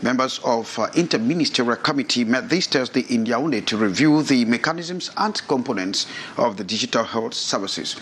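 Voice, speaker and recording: Cameroonian accent guy anchoring the news, normal pitch, faint noise behind him. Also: lively intonation, a little fast, a bit bright. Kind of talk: news presenting.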